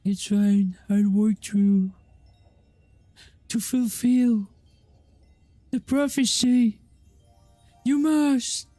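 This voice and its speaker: A woman voicing a ghostly prophetic spirit that speaks in loud, slow, commanding proclamations. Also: on the high side, fairly even intonation, dry recording, faint music behind. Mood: solemn.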